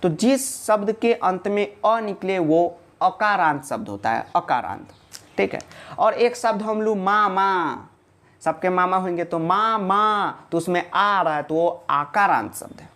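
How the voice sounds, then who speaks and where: A man's voice: sits high, animated, a little slow, a bit bright. A male teacher gives a casual online video lesson. He keeps posing questions and answering them himself, and breaks in with jokes and reassurance for students. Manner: chatty and joking, reassuring students.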